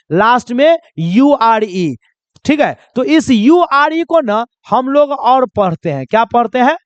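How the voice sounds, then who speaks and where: A man's voice: extremely high pitch, smooth, dry recording, dull audio. A male pronunciation teacher giving a lesson, asking a question and then answering it himself, and repeating key points. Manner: spells words out slowly. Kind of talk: classroom lesson.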